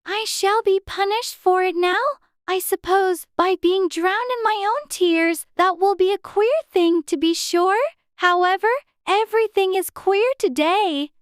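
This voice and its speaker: A woman's voice: very high voice, unhurried, no echo, clean studio sound. A woman voicing an anxious, chatty little girl in a dramatized storybook, fretfully talking to herself in prim childish exclamations. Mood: regretful. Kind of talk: dramatized audiobook character acting.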